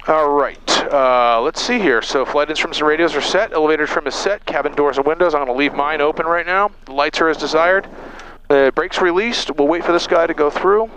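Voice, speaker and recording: A man's voice: a little high, brisk. A man, a pilot, methodically talking through checklists and explaining each step as a flight lesson in a small airplane cockpit. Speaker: pilot instructor. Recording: cockpit audio with clear engine noise.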